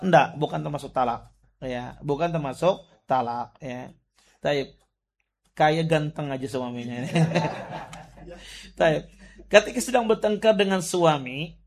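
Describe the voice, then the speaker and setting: A man with a Banjar accent giving a sermon and answering audience questions as preacher, often repeating and restarting words and swinging from quiet to loud emphasis. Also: fairly high pitch.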